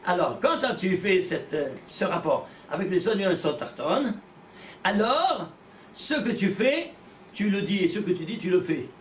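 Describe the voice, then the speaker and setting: A man teaching a religious class, animated and blunt, firing rhetorical questions at his students and repeating words as he goes. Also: high voice, normal speed, slight background noise. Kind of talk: lively religious lecture to a small class. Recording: echoey room, voice from far off.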